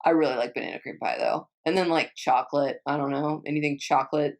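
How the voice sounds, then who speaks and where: A woman's voice: low-pitched, fairly even intonation, fast talker, darkish tone. A young woman from Texas chatting casually as a vlogger, rambling and swearing a lot, trailing off and restarting often. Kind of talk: casual chat answering viewer questions.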